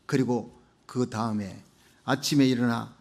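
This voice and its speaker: A male pastor preaching a Sunday sermon, with fervent, rhythmic repeated phrases that swing between loud declarations and hushed low asides. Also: steady tone, a little slow.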